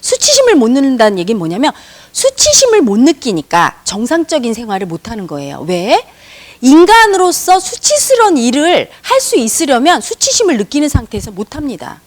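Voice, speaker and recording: Middle-aged woman meditation teacher, high and bright, emphatic lecturing with rhetorical questions. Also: huge pitch swings, brisk. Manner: emphatic, uses rhetorical questions and acted-out quotes. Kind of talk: spiritual lecture.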